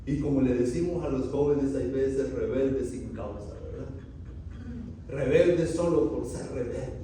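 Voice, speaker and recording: A man preaching a sermon, asking the congregation loud rhetorical questions and then dropping to quiet, solemn lines. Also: medium pitch, unhurried. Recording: very echoey, distant from the mic, faint room noise.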